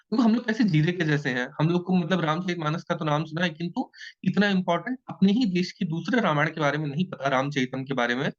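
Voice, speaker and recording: A man's voice: fairly high pitch, no room sound. A man teaching an online exam-prep lecture in a playful way, checking in with his students often. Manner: lively, playful teaching with frequent check-ins. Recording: dull lo-fi dry sound.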